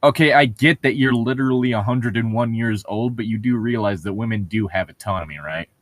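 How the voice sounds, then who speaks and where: Reading prose aloud as one of the hosts, a man keeps interrupting himself with sarcastic, sweary, irreverent jokes about the novel. His pitch is medium, he talks a little fast, and there's no room sound.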